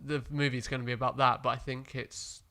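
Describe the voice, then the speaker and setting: Man, podcast co-host, bright tone, smooth clear voice, casual rambling chat with fillers. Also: medium pitch, little pitch movement, fairly quick. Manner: rambling, hesitant, full of fillers.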